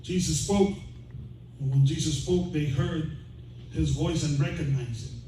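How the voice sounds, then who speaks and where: A man preaching in a lively, joking way, breaking into shouts and laughter, heard from a distance in a church. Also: a little high, slow, slight background noise. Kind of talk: bilingual sermon. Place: church sanctuary. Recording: very echoey hall from a distance.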